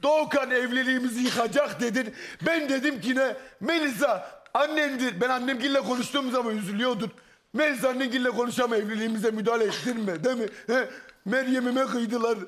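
A man's voice: extremely high pitch, fast, a bit bright. A distraught man, a grieving father, confronting someone with repetitive, pleading accusations. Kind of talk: emotional confrontation.

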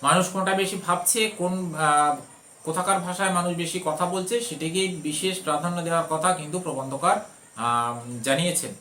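A man teaching a school literature lesson, explaining an essay with repeated points and frequent pauses and fillers. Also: a little high, fairly even intonation, bright, forceful tone, reverberant, slight background noise.

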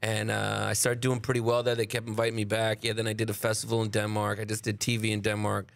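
A man's voice: on the low side, completely flat delivery, fast, vocal fry. A man in his thirties with a Brooklyn accent, chatting casually as a guest comedian on a studio mic. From Brooklyn, New York. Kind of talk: casual chat. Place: talk show studio, indoors. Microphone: close studio broadcast mic.

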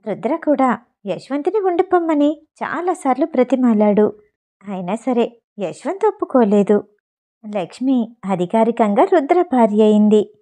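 Woman narrating a story in a warm tone. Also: fairly high pitch. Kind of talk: storybook narration voicing all characters.

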